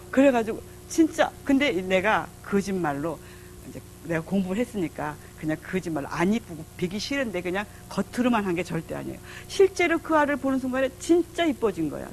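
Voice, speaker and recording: A middle-aged woman giving a public lecture on marriage and parenting, telling stories with lively acted-out dialogue. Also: fairly low pitch, slight background noise. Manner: lively storytelling, acting out dialogue.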